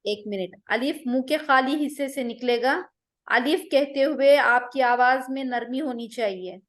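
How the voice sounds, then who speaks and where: A woman leads an online class on Quran recitation. Her voice is high and she talks at an unhurried pace. She patiently drills each sound with repeated vowel examples.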